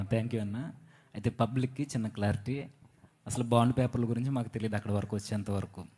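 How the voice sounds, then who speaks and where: Fast-talking polite male interviewer. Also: on the low side, warm tone. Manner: polite, deferential, rapid. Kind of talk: interview questions.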